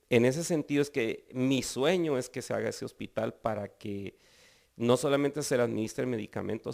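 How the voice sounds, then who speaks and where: A priest answers interview questions calmly, pausing and restarting now and then. His voice is low and gravelly, with some vocal fry. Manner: calm, hesitant explaining.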